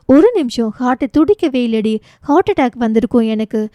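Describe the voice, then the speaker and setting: Woman reading the part of a rattled young guy in a storybook romance, pleading, higher voice, mellow. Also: lively intonation, a little fast, no echo, clean studio sound, close to an everyday voice. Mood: relieved. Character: young man, anxious, flustered husband-friend.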